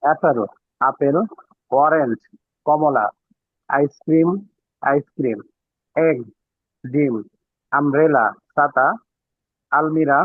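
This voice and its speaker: A man's voice: fairly high pitch, steady tone, dry recording. A man in an online class, reading a list of English words and their meanings aloud as a student. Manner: reads a word list slowly aloud. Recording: tinny phone-like call audio.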